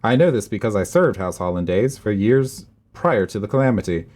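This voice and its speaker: A loyal house servant urging a hero onward, read aloud by a man in a formal, dramatic game-dialogue tone. The voice is lowish with wide swings in pitch. The delivery stays pressing and sincere. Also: expressive, a little fast, darkish tone. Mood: urgent. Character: loyal male servant of a noble house, urgent.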